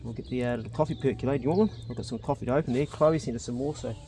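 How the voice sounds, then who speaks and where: A man's voice: mid-range voice, very fast. A laid-back man with a broad New Zealand accent, chatting casually in slangy speech while he does a task as an outdoor vlogger. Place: outdoors, rural. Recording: outdoors with clear background nature noise.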